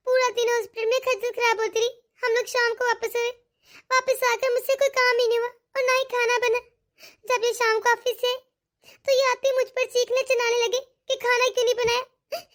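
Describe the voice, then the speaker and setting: A woman's voice: very high voice, flat delivery, moderate pace, a bit bright. A woman voicing a self-pitying young married daughter in a cartoon, whining and complaining. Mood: whiny. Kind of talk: cartoon dialogue.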